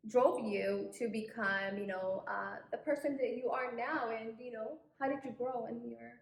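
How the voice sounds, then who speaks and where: A woman in her late twenties hosts a relaxed channel interview, chatty and friendly, with plenty of fillers. Her voice sits a bit high, and it echoes in the room. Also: moderate pace, creaky. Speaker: channel host. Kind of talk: casual video interview.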